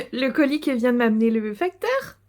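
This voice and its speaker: Chatty higher-voiced woman crafter. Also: sing-song, moderate pace. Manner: chatty, hesitant with many fillers, giggly. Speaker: knitting and sewing podcaster. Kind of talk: casual video chat showing crafts.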